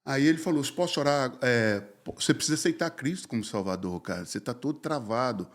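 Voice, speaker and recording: A man, a pastor telling his life story in a casual, slangy, animated way and acting out the dialogue. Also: medium pitch, fast. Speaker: pastor, podcast guest.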